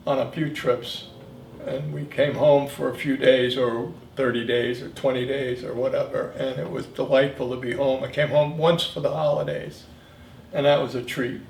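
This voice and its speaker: Gravelly old veteran remembering, echoey room. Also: male voice, medium pitch, level tone, a little slow, darkish tone. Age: 70s. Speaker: Vietnam veteran being interviewed. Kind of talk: reminiscing in an interview. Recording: echoey room, distant mic, faint noise.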